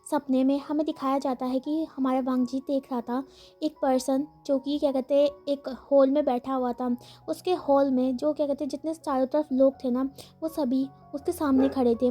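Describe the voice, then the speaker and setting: High-voiced woman telling a fan story. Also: warm tone. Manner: rambling, frequent fillers, mixes English words into her speech. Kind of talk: casual storytelling narration. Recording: faint music behind the voice.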